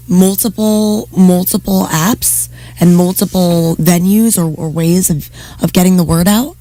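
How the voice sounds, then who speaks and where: A woman's voice: mid-range voice, warm tone, no echo, rough recording. A woman hosting a talk radio show, interviewing guests in a casual conversational style. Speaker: radio host and journalist.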